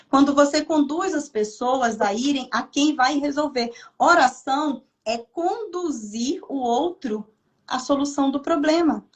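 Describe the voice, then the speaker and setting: A woman from Brazil, a missionary guest on a podcast, telling a lively personal faith testimony and acting out her own inner dialogue. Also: sits high.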